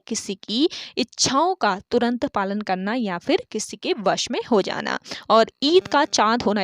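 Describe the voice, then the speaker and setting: A woman's voice: mid-range voice, dry recording, studio quality. A woman teacher going through an exam paper one question at a time. She reads each question, repeats it, then gives the answer. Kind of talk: online exam paper solution lesson.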